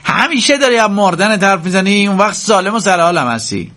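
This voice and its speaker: A man's voice: high-pitched, animated, pushed and bright, voice pushed up. Man doing a spiteful sullen grown son. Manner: muttering, spiteful. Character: bitter sullen intellectual adult son.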